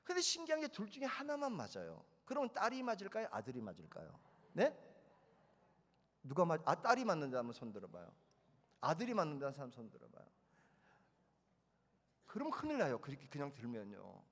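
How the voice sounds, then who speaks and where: Animated male preacher in a reverberant hall. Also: fairly quick, pauses often. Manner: animated storytelling, voicing children and parent with big swings in pitch and loudness. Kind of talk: lively sermon with acted-out family scenes. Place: large hall at a retreat.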